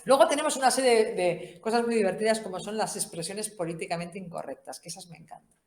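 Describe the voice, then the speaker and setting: A woman's voice: medium pitch, fast, darkish tone. Woman from Spain teaching in a roomy space. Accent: Spain Spanish. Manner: conversational and humorous, with frequent tag questions. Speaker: Bible course speaker. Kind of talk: informal teaching talk. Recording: roomy echo.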